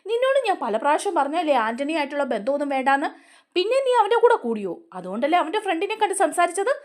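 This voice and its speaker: A stern man from a TV serial scolds and demands answers, voiced by a woman retelling the episode. The voice is high and lively in its pitch swings. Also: quick pace. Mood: scolding. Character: stern older brother figure, scolding.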